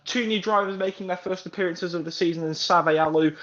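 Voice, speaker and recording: A man's voice: high voice, steady tone, a bit bright. A man commentating a sim racing event live, reeling off team results and standings with dry asides. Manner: rapid stat-heavy team rundown, dry asides. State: slightly out of breath. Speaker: esports race commentator. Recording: dull lo-fi stream audio.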